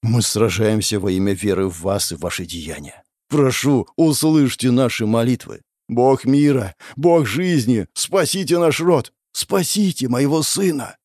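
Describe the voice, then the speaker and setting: A man playing a gentle, devout tree demon father who speaks quietly and with sighs, over guitar music. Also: mid-range voice, measured pace, dry recording, clean studio sound, lightly acted. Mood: prayerful. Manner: quiet, sighing, whispering. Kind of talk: audiobook character voice.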